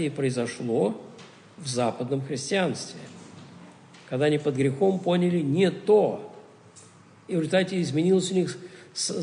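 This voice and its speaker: A man's voice: high-pitched, darkish tone, long reverb tail, a little hiss or hum. A man giving a spoken theology lecture, asking rhetorical questions and answering them himself, often stopping and restarting words.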